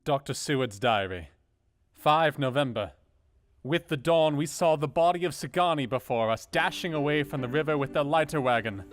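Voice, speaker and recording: Man acting a grave, uneasy Victorian doctor, slightly high. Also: animated, normal speed, lightly acted. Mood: foreboding. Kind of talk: dramatic diary narration in an audio drama. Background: plucked guitar music.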